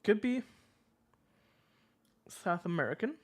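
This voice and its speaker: In a relaxed gaming stream, a Swiss streamer talks through their guesses out loud, cracking jokes and cursing along the way. They speak slowly in a mid-range voice with big swings in pitch.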